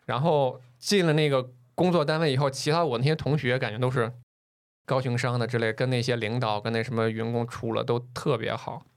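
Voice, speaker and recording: A man talks fast and loud, spilling a story from his early working life in a relaxed podcast chat. He laughs easily and swears offhandedly, and he keeps the pace quick. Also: mid-range voice. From northern China. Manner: loud, animated, swears casually, laughs often. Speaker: podcast co-host.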